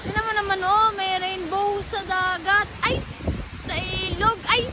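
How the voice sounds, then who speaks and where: A woman vlogging excitedly on a rocky waterfall hike, often out of breath. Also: very high voice, a little slow, very noisy. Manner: excited, exclamatory, mixing in English. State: out of breath from hiking. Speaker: travel vlogger. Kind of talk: travel vlog narration. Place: outdoors at a waterfall on rocky trail. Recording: loud waterfall roar behind voice.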